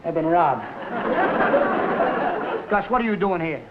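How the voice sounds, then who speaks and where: A man's voice: fairly high pitch, lively intonation, measured pace, a loud crowd, heavy background noise. An actor playing a harried male nightclub comic and father, brusque and exasperated with his staff. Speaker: nightclub entertainer. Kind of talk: 1950s sitcom acting. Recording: muffled 1950s TV soundtrack with music.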